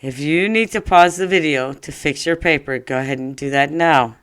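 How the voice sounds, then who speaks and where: A man teaching an online first grade phonics lesson, sounding out words slowly and cheering children on. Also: a little high, fairly bright tone, smooth, no echo.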